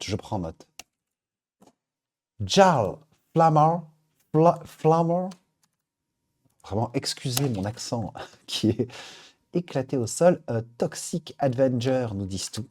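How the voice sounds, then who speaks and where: A livestream host with a lowish, mellow, husky voice reads out viewer suggestions. He's upbeat and chatty, casually thinking aloud as he talks.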